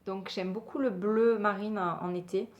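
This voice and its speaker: A woman's voice: medium pitch, fairly even intonation, normal speed, lo-fi sound. Chatty woman reviewing nail polish. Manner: chatty, hesitant, many fillers. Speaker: beauty vlogger. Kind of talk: casual product review.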